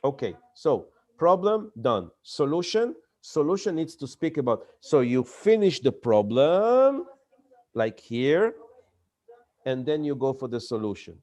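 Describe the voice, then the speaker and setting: A man for whom English is not his gives an emphatic lecture on startup pitching, repeating key words and acting out examples. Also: sing-song, measured pace, darkish tone.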